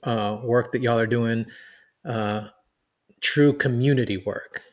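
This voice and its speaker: A man in his forties from New York City co-hosting a podcast, chatty and animated as he talks. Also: mid-range voice, slow pace. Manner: chatty, animated, laughing as he reminisces. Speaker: podcast co-host. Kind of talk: podcast conversation.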